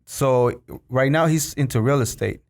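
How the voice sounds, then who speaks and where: A man's voice: mid-range voice, a little slow, gravelly. A man from Mexico hosting a podcast, chatting casually and telling stories, often saying "you know" and "bro". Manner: storytelling, says "bro" and "you know" a lot. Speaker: podcast host. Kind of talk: casual interview chat.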